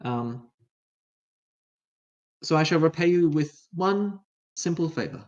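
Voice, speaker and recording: A man voicing a lonely, thoughtful male demon in a tabletop game, speaking softly and hesitantly. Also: a little high, lively intonation, slow pace. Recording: dull lo-fi recording.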